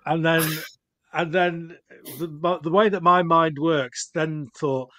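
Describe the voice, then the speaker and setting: A man's voice: on the high side, steady tone, slow pace, fairly bright tone. A man with a Yorkshire accent chatting casually as a podcast host, in a rambling, self-deprecating manner. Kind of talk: casual chat.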